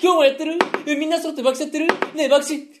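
A giddy young townsman, put on by a man in a rakugo story, calling out in a high, sing-song lilt. He sounds silly and overexcited, with bouncy, lively phrasing. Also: racing, very noisy.

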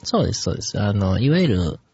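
A man's voice: lowish voice, big pitch swings, fast talker, a little mellow, faint music behind. A man with a Kansai Japanese accent co-hosting a casual podcast chat, easygoing and explaining things. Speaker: podcast co-host. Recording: dull, dry lo-fi recording.

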